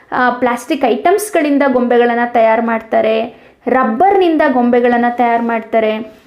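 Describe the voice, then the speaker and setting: A woman's voice: high voice, roomy sound, highs cut off. A young adult woman teacher, explaining a school lesson to children and answering her own questions to the class.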